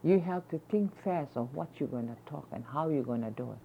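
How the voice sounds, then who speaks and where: An older woman with a low, gravelly voice speaks briskly and with animation during an oral history conversation. She answers interview questions and explains things in a rambling way, often saying "you see." The lo-fi recording sounds dull and carries faint noise.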